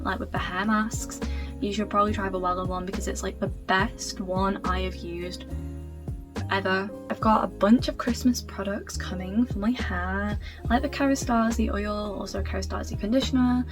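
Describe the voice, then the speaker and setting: A young woman chatting through hair product recommendations in a gushing, emphatic, casual way. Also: mid-range voice. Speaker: beauty vlogger.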